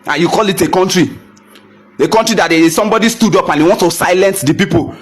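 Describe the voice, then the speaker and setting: A man's voice: sits high, quick pace, husky. A young Nigerian man giving a heated rant to camera, mixing English with Pidgin and hammering rhetorical questions. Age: young adult. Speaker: photographer ranting to camera. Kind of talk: impassioned rant.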